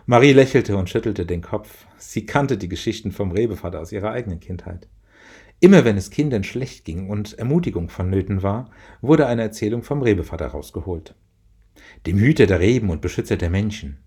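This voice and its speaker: Man, storyteller, scripted story narration, husky, dark mellow tone. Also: on the low side, animated, a little fast.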